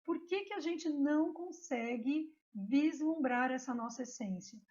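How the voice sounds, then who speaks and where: A woman's voice: high-pitched, unhurried. A woman with a Brazilian Portuguese accent, a yoga teacher giving a chatty online lecture that leans on storytelling. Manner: chatty, animated storytelling with frequent "né" asides. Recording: dull lo-fi recording.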